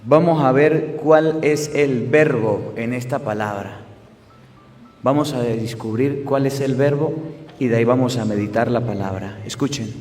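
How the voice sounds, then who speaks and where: A man's voice: mid-range voice, a little slow, darkish tone. A priest giving a sermon, asking his listeners questions and answering them himself. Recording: music and long hall reverb.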